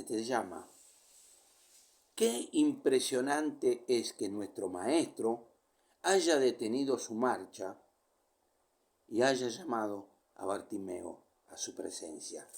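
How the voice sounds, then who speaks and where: A man preaching a sermon, reading scripture verse by verse and explaining it, his voice swinging from loud calls down to near whispers. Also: medium pitch.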